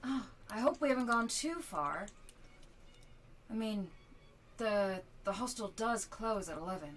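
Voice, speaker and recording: A woman's voice: medium pitch, lively intonation, unhurried, fairly bright tone, a little hiss or hum. A woman voicing a nervous young American woman adventurer in a tabletop role-play, with an American accent and a rambling manner.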